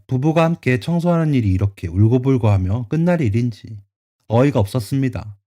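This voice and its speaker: A man narrating a first-person story in a calm reading voice for a storytelling radio drama. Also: medium pitch.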